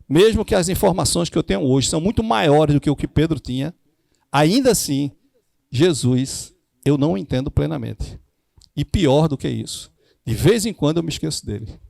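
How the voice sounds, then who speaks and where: Male church teacher with a Northeastern Brazilian accent, preachy, slightly high and gravelly, dry close mic. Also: a little mellow, no echo. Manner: preachy, acts out dialogue. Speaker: discipleship teacher.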